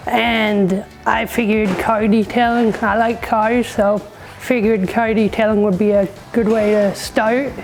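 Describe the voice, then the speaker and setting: A woman from New Hampshire speaks slowly and a little hesitantly, with a fairly high voice. Light music plays faintly behind her testimonial. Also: fairly even intonation, poor audio. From Hampton, New Hampshire. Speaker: detailing student. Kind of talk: testimonial interview.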